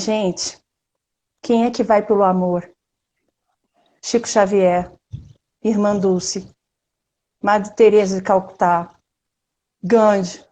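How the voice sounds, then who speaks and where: Expressive Brazilian woman, mellow voice. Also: medium pitch, lo-fi sound. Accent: Brazilian Portuguese. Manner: expressive, emphatic, talks straight to the audience. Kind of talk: casual live-stream conversation.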